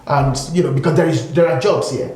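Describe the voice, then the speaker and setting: A man's voice: a little high, brisk, dark tone. A man talking as a guest in a casual discussion, emphatic, repeating his points, with lots of fillers. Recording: echoey room.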